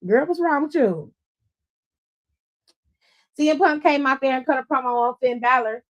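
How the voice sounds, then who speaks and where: Woman, high voice, sassy, blunt, swears freely, laughs a lot, casual stream chat. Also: moderate pace, muffled recording. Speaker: host of a wrestling after-show. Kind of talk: casual livestream recap chat.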